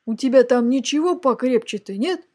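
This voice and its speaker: A woman voicing a rude, boastful male dragon with seven heads in a storybook reading, with a loud, shrill, squealing voice. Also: expressive, normal speed. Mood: mocking.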